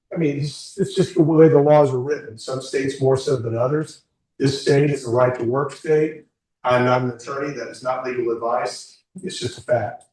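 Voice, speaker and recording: A man's voice: mid-range voice, dark tone. A man in his sixties leading a career workshop, talking candidly with the group and asking them questions. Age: 60s. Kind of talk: informal group talk. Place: meeting room with a group. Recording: echoey room, mic far off.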